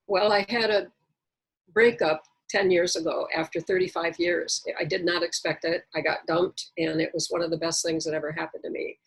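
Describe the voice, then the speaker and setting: A woman's voice: fairly low pitch, slightly rough, low-quality recording. A middle-aged woman giving a reflective motivational talk on a video call, with wordplay and humor. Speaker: speaker.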